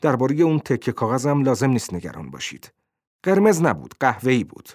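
A man's voice: mid-range voice, big pitch swings, a little mellow, dry recording, studio quality. A man voicing a suspicious old landlady who needles and pries in a falsely sweet way, in a storybook reading. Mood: defensive.

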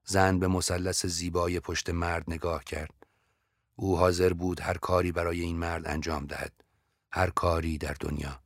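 Very deep-voiced male storyteller. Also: little pitch movement, no echo, studio quality. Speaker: narrator. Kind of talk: audiobook narration.

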